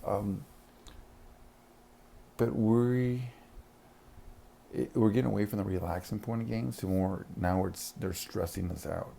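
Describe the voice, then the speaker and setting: A man's voice: fairly low pitch, steady tone, a little slow, gravelly, long pauses, warm tone. A man working as a school counselor, talking casually and rambling, with frequent restarts and short laughs. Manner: rambling, many restarts, laughs between points. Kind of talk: casual monologue.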